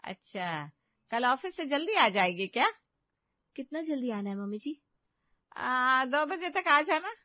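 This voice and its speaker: A woman voicing a bossy older mother-in-law in an animated story, speaking bluntly and giving orders. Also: high-pitched, a little slow, long pauses, no echo. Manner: commanding, blunt. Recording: dull lo-fi dry recording.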